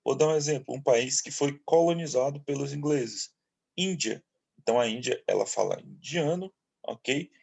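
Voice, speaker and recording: A man from Brazil teaching an English lesson to eighth graders, explaining slowly and often checking in with his students. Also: mid-range voice, creaky, a little mellow, slightly rough. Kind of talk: online class lecture.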